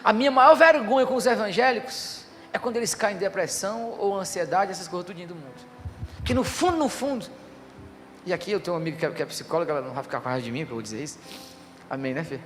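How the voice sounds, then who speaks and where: A male pastor preaching a fervent sermon, swinging from hushed passages to loud declarations. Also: high-pitched, quick pace, big-room sound, a little hiss or hum.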